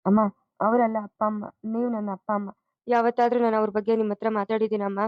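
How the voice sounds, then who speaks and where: A woman's voice: on the high side, level tone, fast talker, no echo, muffled recording, close to an everyday voice. A woman voicing a devoted young adult foster son who soothes and pleads in a cartoon. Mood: soothing. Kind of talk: cartoon voice acting.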